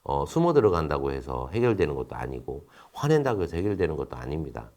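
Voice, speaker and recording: A man's voice: fast, creaky. A man giving a recorded lecture in an explanatory tone, asking questions and then answering them himself, with frequent fillers. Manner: explanatory, asks and answers his own questions; frequent fillers, lively rises and drops in pitch.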